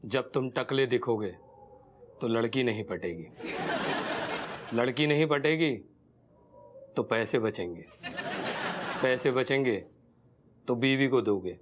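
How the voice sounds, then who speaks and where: An actor playing a male doctor who takes gloomy delight in bad news, speaking in a deadpan, sing-song way. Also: mid-range voice, slow, pauses often, background noise. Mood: morbid.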